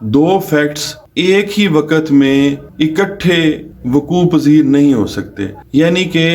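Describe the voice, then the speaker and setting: Lecturing on law, a lawyer from Pakistan explains things methodically, one step at a time with restatements, dropping English legal terms into his Pakistani-accented speech. The voice is a little high with a darkish tone.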